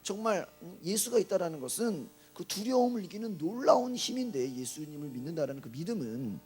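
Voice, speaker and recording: A man's voice: high-pitched, very animated, brisk, darkish tone, faint music behind. A male pastor preaching an early-morning sermon. He keeps asking the congregation rhetorical questions.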